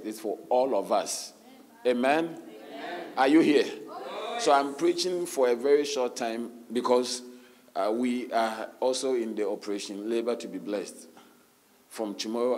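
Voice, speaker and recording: Hoarse man leading church prayer. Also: mid-range voice, slight background noise. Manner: loud, fervent prayer turning to plain announcements. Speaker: pastor.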